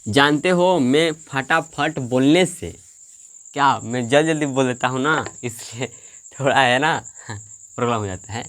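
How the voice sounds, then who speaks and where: A man's voice: mid-range voice, a bit bright. A man teaching English grammar to a class, repeating questions and answering them himself. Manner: slow, drawn-out delivery.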